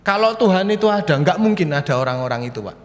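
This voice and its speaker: A preacher voicing a chatty, argumentative male barber, higher and louder than his own voice. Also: animated, fast, close to an everyday voice. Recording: reverberant church hall.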